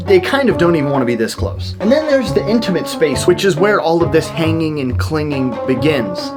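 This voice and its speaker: A young man hosting a casual vlog, talking in a playful, joking way with quick asides. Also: fairly high pitch. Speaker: video host.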